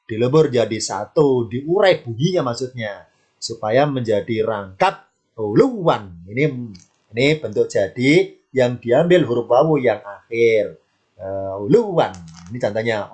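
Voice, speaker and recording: A man's voice: mid-range voice, animated, unhurried, darkish tone, husky. A male Arabic grammar teacher, leading an online Quran lesson. He explains patiently, repeats key words and answers the questions he puts to himself.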